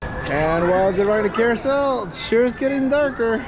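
A middle-aged family vlogger narrates a casual walking tour outdoors at a zoo, holding the camera at arm's length and chatting upbeatly as he walks. His voice is very high-pitched and animated at a moderate pace, and the muffled recording picks up crowd and outdoor noise.

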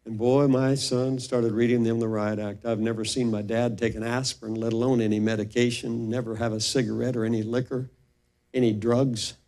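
A man's voice: medium pitch, little pitch movement, fairly quick, mellow. An older man, a pastor, telling a personal story in a sermon and acting out the voices of the people in it.

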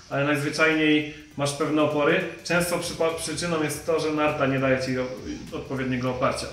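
A young man reviewing skis in a shop, explaining in a measured way and pausing to find his words. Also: a little high, fairly bright tone, a little hiss or hum. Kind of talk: product review. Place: ski shop, indoors. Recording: echoey shop with faint music.

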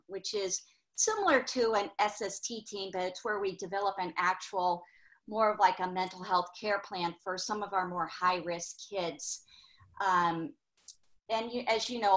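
A woman's voice: on the low side, fairly bright tone, low-quality recording. A woman who works as a school nurse, speaking in a conversational way with many fillers over a laptop mic on a video call. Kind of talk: panel remarks on a video call.

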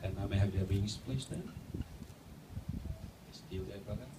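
A man's voice: fairly low pitch, normal speed, very noisy. A man officiating a wedding ceremony, recorded outdoors from a distance. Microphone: handheld mic, picked up from afar by a guest's phone.

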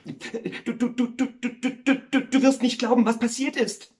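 A man voicing an excitable neighbor who stammers and repeats words in a high, agitated voice. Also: normal speed. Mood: excited.

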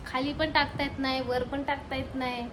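A woman's voice: high voice, level tone, a little fast. A young woman and mother talking casually on her home vlog, chatty, venting to the camera and coaxing her toddler. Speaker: mother and family vlogger. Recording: home recording with background noise.

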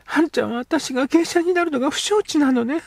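A man doing a young edo girl, breathy and earnest. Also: very high voice, a little fast, no echo, clean studio sound, pitched above the performer's own voice. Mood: pleading, earnest. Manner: pleading, breathy half-whispers. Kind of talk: audiobook character voice.

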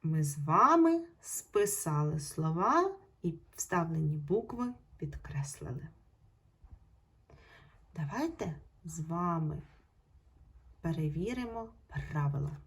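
A woman teaching young children in a video lesson, in a slightly husky voice. She speaks unhurriedly and draws out each example word so every sound is heard. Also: deep voice, very animated. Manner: slow, drawn-out pronunciation of example words. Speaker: primary school teacher.

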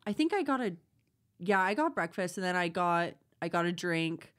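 A woman's voice: fairly low pitch, animated, moderate pace. A woman co-hosting a podcast, telling a story in casual chat, acting out what people said and swearing freely. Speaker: podcast co-host.

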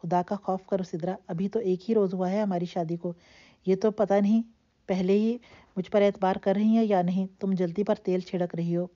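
A woman voicing a confident young husband who speaks calmly and mockingly, in a dull lo-fi recording. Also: mid-range voice, lightly acted. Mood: playful. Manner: calm, assured, mocking. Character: confident teasing young husband, cool and unyielding. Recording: dull lo-fi audio.

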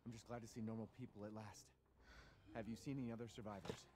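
A man's voice: lowish voice, fairly even intonation, quick pace, close to an everyday voice. A man acting a weary, reassuring survivor hero in a video game. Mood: reassuring, relieved. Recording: game audio with loud music.

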